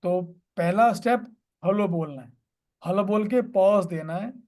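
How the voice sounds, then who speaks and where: A man's voice: sits high, a little slow, darkish tone. A man working as a coach, walking through sales-call steps in an instructive manner, mixing Hindi and English phrases. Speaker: payment recovery coach. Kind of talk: coaching lesson on sales calls.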